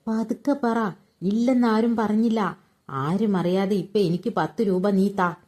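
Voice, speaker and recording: A woman reading aloud and voicing a bossy, secretive elderly mother who talks in an urgent hush. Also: medium pitch, unhurried, voice pushed up, close to an everyday voice. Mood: hushed, insistent. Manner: hushed, urgent pleading.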